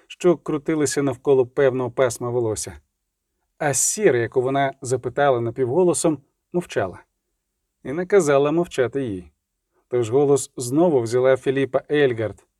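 A man reading an audiobook in a measured, expressive narration. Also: medium pitch, no echo, clean studio sound. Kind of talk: scripted narration.

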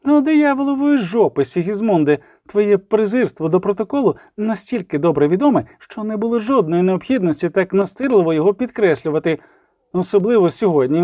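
A proud sorceress hisses her scolding in a raised, lively voice, as a male audiobook reader puts her on. She is haughty and sharp-tongued, and her words come out dry and close. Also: high voice, dry recording, pitched above the performer's own voice. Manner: hissing, scolding.

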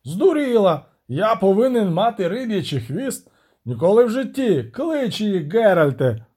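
Man voicing a proud prince, lovesick, hot-tempered, demanding, audiobook figure, lively voice. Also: high-pitched, moderate pace, pitched above the performer's own voice. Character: proud stubborn male prince in love.

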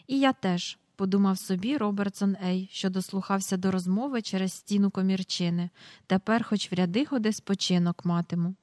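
A woman's voice: medium pitch, darkish tone, no room sound. Woman narrating a storybook, dry sound. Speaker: audiobook narrator. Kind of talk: scripted narration.

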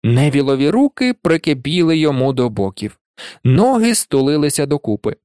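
An audiobook narrator reading a fantasy story in an animated storytelling manner. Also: mid-range voice, moderate pace, smooth, no room sound, studio quality. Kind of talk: scripted narration.

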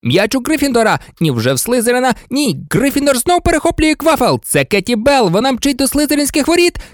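A man reading an audiobook, voicing an excitable, openly biased teenage boy commentating a match. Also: very high voice, dry recording, clean studio sound, voice pushed up. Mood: excited. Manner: rapid-fire, shouting, openly biased. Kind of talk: audiobook character voice.

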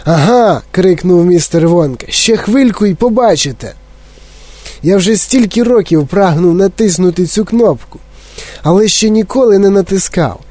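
Excitable eccentric candy-maker voiced by a man, gushing, breathless, higher voice, dry close sound. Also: no echo. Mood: excited. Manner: gushing, rapid, breathless enthusiasm. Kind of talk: audiobook reading.

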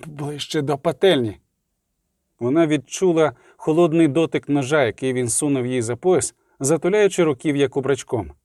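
A man narrating an audiobook in a dramatic, expressive reading. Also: on the high side, brisk, few pauses, no room sound, studio quality.

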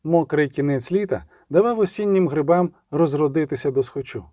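A man reads a fantasy audiobook with steady, dramatic storytelling. His voice sits slightly high for a man, with a dark, mellow timbre, recorded close and dry with no room sound. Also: a little fast, no room sound. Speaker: narrator.

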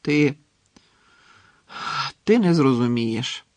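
A man's voice: medium pitch, expressive, drawn-out words, darkish tone, dry recording. A man voicing a moody, lovesick teenage boy who sighs and pleads in anguish, reading a storybook aloud.

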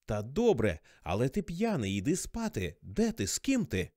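A man voicing an impatient young woman on a late-night phone call, trying to calm a drunk caller and send him to bed. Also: mid-range voice, moderate pace, no room sound, clean studio sound. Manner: impatient, soothing.

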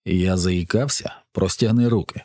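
A man voicing a calm, menacing armed man who gives curt, quiet, flat threats. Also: deep voice, moderate pace, dry recording, studio quality, close to an everyday voice.

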